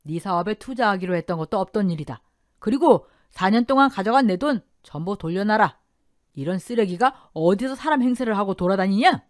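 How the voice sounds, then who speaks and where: A woman voicing a furious elderly father who scolds and shouts at his son. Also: mid-range voice, animated, a little fast, dry recording, clean studio sound, lightly acted. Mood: enraged.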